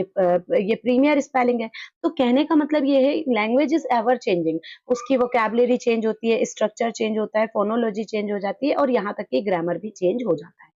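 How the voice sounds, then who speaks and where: A woman with a fairly high voice teaches an exam prep class, explaining points in Hindi. She slows right down to read English definitions aloud. The sound is dry and a little dull and lo-fi. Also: darkish tone, no room sound.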